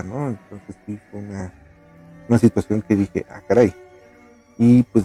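A man's voice: mid-range voice, mellow. A man telling a ghost story in casual chat, hesitant and full of fillers. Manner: hesitant, many fillers and restarts.

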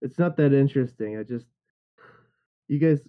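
A young man chatting in a group call, rambling and joking, his words wandering through fillers and restarts. His voice sits at an ordinary middle pitch. The audio is a little muffled and dull. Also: normal speed. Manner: rambling, jokey, lots of fillers. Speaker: voice actor. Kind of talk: casual group chat.

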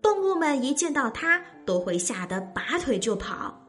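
A woman's voice: high-pitched, very animated, normal speed, a bit bright, soft background music. A woman narrating a children's story expressively, speaking directly to young listeners.

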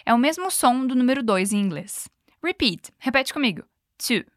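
Upbeat teacher with a higher voice. She sounds playful on a dry, close mic and hosts a podcast lesson. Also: lively intonation, dry recording. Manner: upbeat, playful, switches between Portuguese and slow English examples. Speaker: English teacher and podcast host.

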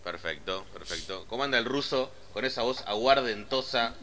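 A man's voice: mid-range voice, lively intonation, moderate pace, bright, forceful tone. An Argentine man hosting a casual podcast chat. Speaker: podcast host. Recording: faint background noise.

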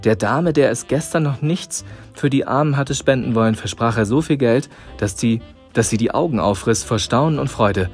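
A man reading a storybook aloud to listeners in a calm, measured way. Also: medium pitch, soft background music. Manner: calm, measured narration with dramatic pauses.

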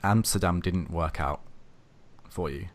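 A man hosting an interview, asking questions and sharing views in an unhurried, casual way. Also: sits low. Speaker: host.

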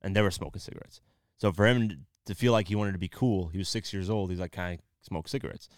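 A man's voice: low voice, fast, dry recording, clean studio sound. A man co-hosting a casual podcast, retelling a story in loose, rambling talk. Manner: retells stories loosely, many fillers. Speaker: podcast co-host. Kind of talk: casual chat.

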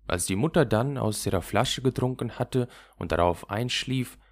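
A man reading a fairy tale aloud in a calm, measured storytelling manner. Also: medium pitch.

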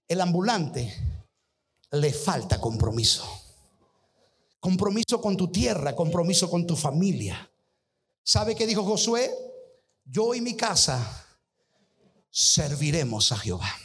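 A Rioplatense-accented man preaches from a high, ringing register. He drives his sermon with call-and-response and punches key phrases with sudden shouts and dramatic pauses. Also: husky. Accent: Rioplatense Spanish. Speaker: pastor.

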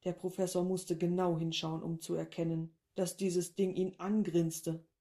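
A woman narrating a short story in a calm, even read-aloud manner. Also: on the low side, unhurried.

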